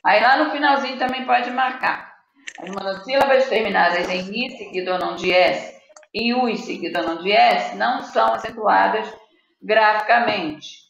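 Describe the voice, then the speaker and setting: A Brazilian schoolteacher gives children a patient live online Portuguese lesson, reading word lists and quizzing them. Her mid-range voice is gravelly yet fairly bright, at a moderate pace. The echoey room yields dull lo-fi audio with faint noise.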